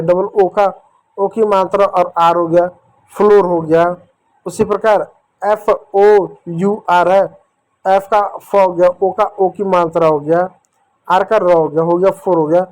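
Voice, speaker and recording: A man teaching children a phonics lesson, going slowly through each letter sound. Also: high-pitched, darkish tone. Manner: slow, repetitive, drills each letter sound step by step.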